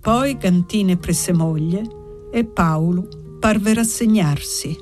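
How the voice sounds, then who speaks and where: A woman reads a classic novel in a measured, unhurried narration with long pauses. Her voice is low and mellow, and faint music lies under the reading. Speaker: audiobook reader. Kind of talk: literary audiobook narration.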